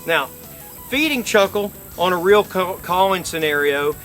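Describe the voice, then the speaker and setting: A man's voice: high-pitched, animated, measured pace, over loud music. A middle-aged man giving an informal, folksy instructional demonstration, explaining step by step. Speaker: duck-calling instructor. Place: outdoors by a lake.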